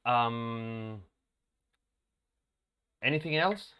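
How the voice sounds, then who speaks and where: A male English teacher talks his students through a lesson at an unhurried pace. He repeats words slowly for practice and keeps asking whether they follow. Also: medium pitch, pushed and bright, smooth. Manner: checks in often with "ok?" and "ya?".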